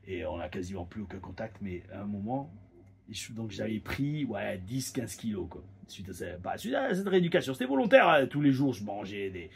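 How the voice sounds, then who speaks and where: Very husky-voiced man telling stories. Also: lowish voice, brisk. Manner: animated storyteller, often repeats words. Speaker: former pro wrestler reviewing a show. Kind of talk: casual anecdotal monologue.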